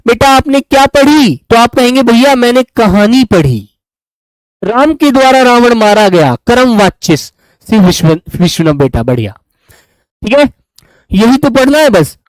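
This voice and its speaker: A man's voice: very high voice, no echo, poor audio. A man teaching grammar to a class, patiently repeating examples and calling on students by name. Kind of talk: classroom lesson.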